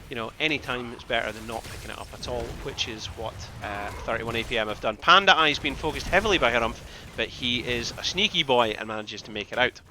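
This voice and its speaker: Here the Highland esports streamer from northeast Scotland sounds bright and forceful over a little hiss or hum. With his Scottish accent, he rambles through live game commentary, repeating phrases for emphasis and chatting casually with viewers.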